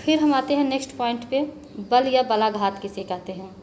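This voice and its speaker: A woman's voice: a little high, normal speed, a little mellow, a little hiss or hum. A woman teacher patiently explaining a grammar lesson to children, spelling out letters and repeating points. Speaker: school teacher.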